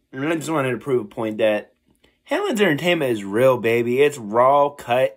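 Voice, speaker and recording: A man in his thirties talks casually to his viewers on a phone at home. His pace is slow and his pitch moves around a lot. The wording is loose and informal. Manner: informal, swearing, addressing viewers as guys. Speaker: vlogger doing a food challenge. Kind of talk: casual vlog chat. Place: small indoor room at home. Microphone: phone at about arm's length.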